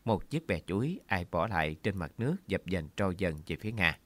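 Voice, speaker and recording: Man reading a story out loud, lowish voice, steady and earnest, dry close mic. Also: brisk, no echo. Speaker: narrator. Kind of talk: story narration.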